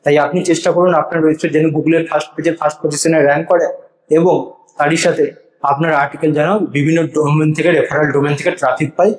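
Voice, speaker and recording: A man's voice: fairly high pitch, little pitch movement, rapid-fire. A man giving earnest, confident blogging advice in a casual tutorial, his voice carrying a heavy room echo. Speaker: blogging and SEO YouTuber. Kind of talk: casual tutorial monologue to camera. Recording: echoey untreated room.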